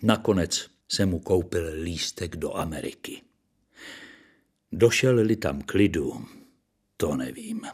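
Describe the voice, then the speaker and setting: A man's voice: low-pitched, expressive, pauses often, a little mellow, husky. A man reading a story aloud in a dry, ironic storytelling manner.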